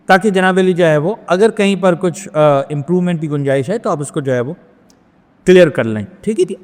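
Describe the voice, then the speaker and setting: Male cleric, high voice, methodical teaching lecture, reverberant hall. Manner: explains step by step, mixing English words, asks if points are clear. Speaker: Islamic scholar teaching a Hajj class. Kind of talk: religious training lecture.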